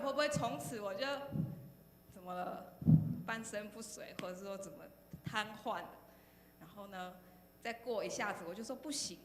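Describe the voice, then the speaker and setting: A woman with a Taiwanese Mandarin accent gives an animated testimony to a youth congregation, often pausing on "然后呢" and turning questions to her listeners. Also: medium pitch. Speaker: speaker sharing a testimony at a youth service. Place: church hall. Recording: echoey hall, faint background noise.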